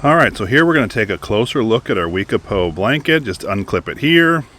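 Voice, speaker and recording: Male product reviewer, low voice, chatty and upbeat, casual beach review. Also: sing-song, a little fast, pushed and bright, slight background noise. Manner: chatty, upbeat, thinking aloud. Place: beach, outdoors.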